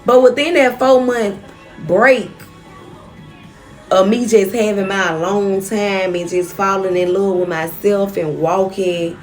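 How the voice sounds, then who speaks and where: Young woman vlogger, mid-pitched, frank and salty storytime delivery, talks right to the viewer. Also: steady tone, slow, soft background music. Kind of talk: candid personal storytelling.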